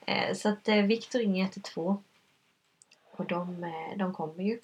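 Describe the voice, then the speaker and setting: A woman's voice: fairly low pitch, husky, muffled recording. A woman telling a personal story in conversation, hesitant and earnest, with many fillers. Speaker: guest.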